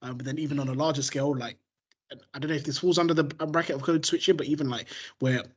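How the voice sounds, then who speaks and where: A young man from Ghana in a casual group discussion, animated and full of "like". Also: a little high, muffled recording. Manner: animated, fast, lots of "like". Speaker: discussion panelist.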